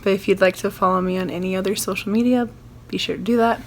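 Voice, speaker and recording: A young woman with a sick, croaky frog voice from a sore throat, chatting casually and ramblingly to viewers as a video host. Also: medium pitch, fairly even intonation, quick pace, a little hiss or hum. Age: young adult.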